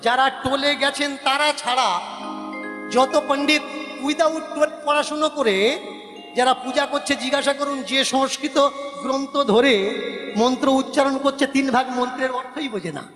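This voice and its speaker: High-pitched Bengali preacher, echoing hall. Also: male voice, steady tone, moderate pace, fairly bright tone, soft background music. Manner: argumentative, corrects word pronunciation emphatically. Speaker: religious preacher. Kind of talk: devotional sermon.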